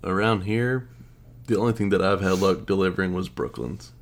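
A man's voice: low-pitched, fairly even intonation, moderate pace, creaky. A man chatting casually as co-host of a sports podcast, in loose conversational banter.

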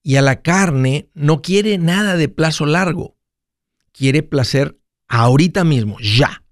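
A man's voice: on the high side, expressive, slow, no echo, studio quality. A man hosting a casual monologue, playful and jokey, often restarting mid-phrase. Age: 40s. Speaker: radio finance host.

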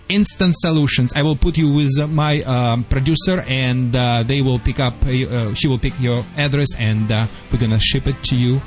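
A man from Russia with a Russian accent, hosting a call-in pet advice show in excitable, joking, imperfect English. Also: mid-range voice. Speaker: radio pet-advice host and dog trainer.

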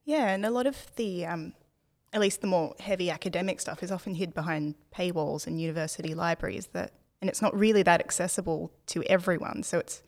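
Lower-voiced woman hosting a podcast. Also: brisk, darkish tone. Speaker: podcast host. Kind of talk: podcast interview.

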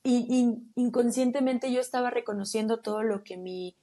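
A woman with a Mexican accent, a podcast guest telling a personal story in a casual, animated and slangy way. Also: on the high side, moderate pace. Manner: animated, slangy, acts out her own quotes.

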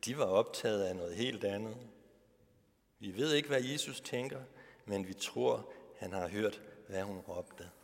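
A man's voice: on the low side, creaky, in a large hall. A male pastor giving a sermon, posing rhetorical questions to the congregation.

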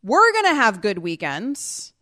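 A woman hosting a sports talk radio show, upbeat and quick to laugh as she reads teases and plugs. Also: medium pitch, huge pitch swings, sharp tone. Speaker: radio host.

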